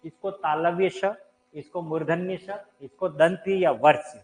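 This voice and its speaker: A man with a voice on the high side, steady in tone, slightly slow and a bit mellow, teaches Hindi grammar live online beside a board. Talking directly to viewers, he poses quiz questions and answers them himself, captured in a low-quality recording.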